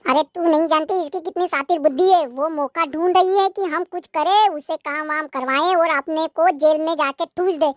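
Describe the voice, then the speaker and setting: A woman plays a bossy mother-in-law in a cartoon who nags and threatens. Her voice is very high. The sound is dry and close. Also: normal speed, hardly any pauses, no echo, close to an everyday voice. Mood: scornful. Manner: nagging, threatening.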